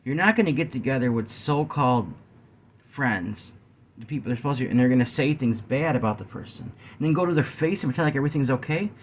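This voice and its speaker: A man vlogging a sincere talk to his viewers, often clearing his throat and slowing down to stress key points. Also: mid-range voice, expressive, slight background noise. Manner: earnest, addresses viewers as guys; frequent throat clearing, yawning. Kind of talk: talking-head discussion to viewers.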